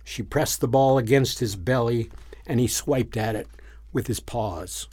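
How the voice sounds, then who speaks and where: A man reading a story aloud in an even, unhurried narration. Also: medium pitch, slightly rough.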